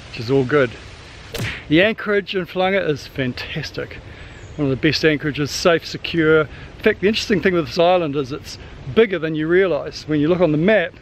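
A man's voice: on the high side, a little hiss or hum, low-quality recording. Upbeat New Zealand man vlogging. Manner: chatty, upbeat, teasing. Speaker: sailing vlogger. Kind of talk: casual vlog narration. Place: outdoors on a tropical island. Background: music.

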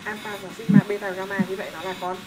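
A man's voice: high voice, level tone, very fast. A young man teaching a math lesson in a casual, joking way, often checking that his students are following. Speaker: math tutor. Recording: loud background noise.

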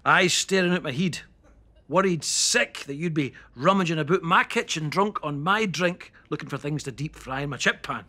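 A man's voice: a little high, moderate pace. An actor playing a fretful, sarcastic older man with a broad Scottish accent, telling things with exasperation in a sitcom. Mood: exasperated, mocking. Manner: animated, exasperated storytelling. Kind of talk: sitcom dialogue.

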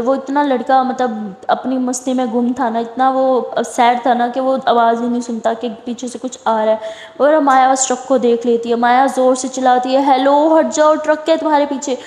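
A woman narrates a love story in a chatty, casual way, with plenty of fillers. Her voice is high. The recording has a roomy echo with a long reverb tail. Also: a little mellow.

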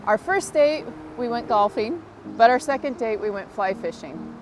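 A woman's voice: a little high, expressive, moderate pace, rough recording. Earnest Montana woman over music. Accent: Montana American. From Montana, USA. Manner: earnest, enthusiastic. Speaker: fly fishing guide and competitor. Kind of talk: interview. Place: outdoors by a river. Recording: interview with music bed.

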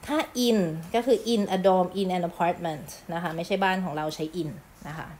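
A woman English teacher, from Thailand, explaining a lesson in a chatty manner, reading English phrases slowly and clearly, with polite endings and casual asides. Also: on the low side, darkish tone, a little hiss or hum.

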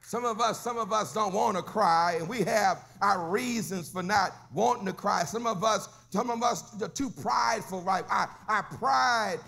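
High, gravelly preaching man, shouting and whooping. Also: moderate pace, hardly any pauses. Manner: rising to shouts and sung whoops, asking "Huh?". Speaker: pastor. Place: church sanctuary.

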